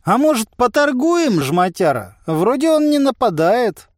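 A man's voice: extremely high pitch, big pitch swings, measured pace, no room sound, pitched above the performer's own voice, full character voice. A man doing a dry melancholy shopkeeper.

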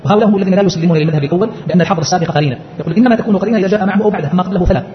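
A man explains a scholarly text at a very fast clip, raising questions and answering them himself. His voice sits a little high, and the recording is dull and lo-fi with a faint hiss behind it. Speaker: teacher. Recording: muffled lo-fi lecture recording.

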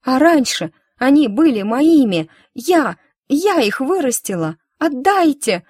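A woman voicing a gentle, frightened young orphan girl who speaks in a high, pleading voice. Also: steady tone, slow, dry recording, studio quality.

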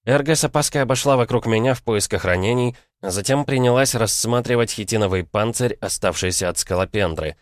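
A man narrating a fantasy audiobook in a steady, even reading. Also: lowish voice, brisk, few pauses, dry recording, clean studio sound. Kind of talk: scripted fiction narration.

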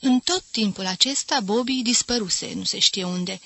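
A woman narrating a novel as an audiobook, reading in a clear, measured way. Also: fairly high pitch, a bit bright.

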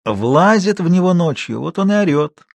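A man doing a lively scolding old woman. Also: high voice, normal speed, creaky, no room sound, pitched above the performer's own voice, exaggerated voice.

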